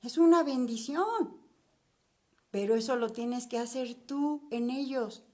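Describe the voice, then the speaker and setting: Older mexican lady teaching bible study, high voice, chatty, keeps asking the listener questions. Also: slow, darkish tone.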